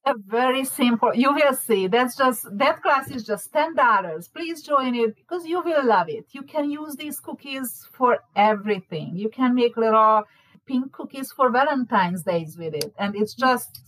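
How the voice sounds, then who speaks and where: A woman's voice: a little high, expressive, normal speed, a bit bright, rough recording. A woman from Hungary with a Hungarian accent, chatting casually as a baking class teacher, laughing often and restarting her words. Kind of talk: casual chat.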